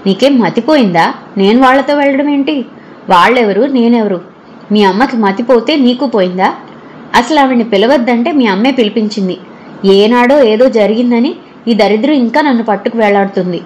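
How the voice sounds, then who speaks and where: A sneering, spiteful middle-aged husband, read by a woman storyteller, drawling his insults slowly with contempt. The voice stays near the narrator's own, with light faint noise underneath. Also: on the high side, darkish tone, natural voice, poor audio. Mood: scornful.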